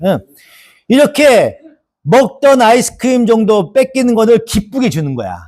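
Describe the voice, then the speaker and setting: A man preaching a Sunday sermon as pastor, animated and asking the congregation for agreement again and again. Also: very high voice, moderate pace. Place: church sanctuary.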